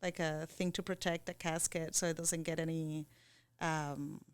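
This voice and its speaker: A woman from Costa Rica, talking in a halting way with many restarts and fillers in a casual podcast chat. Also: sits low, level tone, clear, resonant tone, no room sound. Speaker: co-host.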